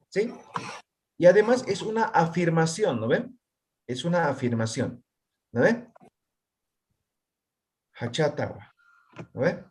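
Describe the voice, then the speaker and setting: In an online language class, a man with a medium-pitched voice quizzes his students and keeps tacking on tag questions to make sure they follow. There's slight noise in the background.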